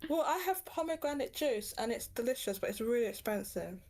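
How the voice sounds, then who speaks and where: A woman's voice: a little high, animated, fairly quick, a little mellow. A woman chatting casually as a player at a tabletop game, self-deprecating.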